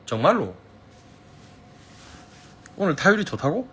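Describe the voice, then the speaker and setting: A man's voice: high-pitched, big pitch swings, unhurried, fairly bright tone, husky. A man with a Gyeongsang Korean accent chatting casually on a live stream from his phone, reading viewers' comments, playful and teasing and laughing often.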